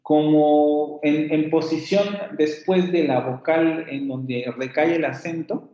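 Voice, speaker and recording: A male professor giving an online phonetics class, explaining at length and repeating example words slowly. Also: fairly high pitch, steady tone, dark tone, very echoey, highs cut off.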